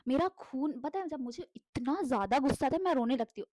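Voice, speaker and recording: A young woman telling a casual storytime about her school days, animated, swearing freely and mixing in English words. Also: high-pitched, a little fast, dry recording.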